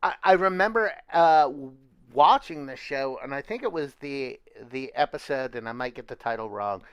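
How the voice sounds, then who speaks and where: A man's voice: mid-range voice, lively intonation, moderate pace, smooth, no room sound, lo-fi sound. A man co-hosting a podcast, chatting casually and telling rambling stories that trail off and restart. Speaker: podcast co-host. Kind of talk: casual chat.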